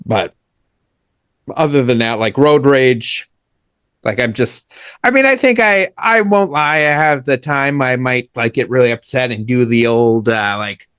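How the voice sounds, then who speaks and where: A man's voice: medium pitch, lively intonation, a little slow, fairly bright tone, smooth, dry recording, clean studio sound. A man from Minnesota hosting a podcast, chatting in an easygoing, self-deprecating way. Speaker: podcast host. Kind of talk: casual chat.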